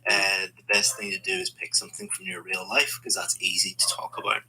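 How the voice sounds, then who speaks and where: A man's voice: low-pitched, fairly even intonation, a little fast, loud music behind the voice, rough recording. A man acting as an English speaking examiner, giving encouraging, explanatory feedback on a practice test. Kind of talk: giving spoken exam feedback.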